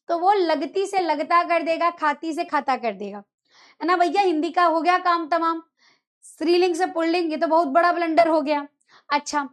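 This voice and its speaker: A woman's voice: very high-pitched, a bit bright. A young woman teaching a Hindi lesson to school students in a chatty, teasing way, often scolding them fondly as children. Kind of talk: online exam-prep lecture.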